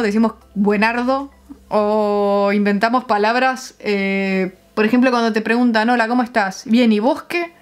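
A young Uruguayan woman vlogging casually, explaining her slang with frequent laughs and pauses to find the right words. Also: a little high. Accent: Uruguayan Spanish. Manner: chatty, laughs often, searches for words.

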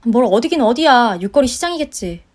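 A woman's voice: on the high side, big pitch swings. A woman voicing a firm, blunt young working wife and daughter-in-law in a story-radio drama. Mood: exasperated. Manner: brisk, firm, exasperated.

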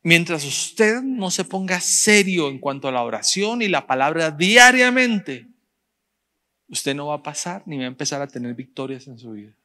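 A man, a pastor preaching a sermon in church, speaking directly to the congregation and slowing down to stress his points. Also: fairly high pitch, animated, bright, forceful tone. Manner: direct, addresses the congregation, rising emphasis and slow stressed phrases.

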